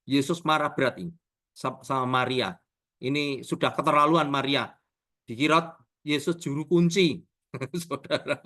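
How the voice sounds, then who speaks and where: A male preacher giving a lively sermon over a video call. He jokes, laughs often and acts out voices in his readings. He keeps turning to address his listeners directly. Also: a little high. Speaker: evangelist preacher.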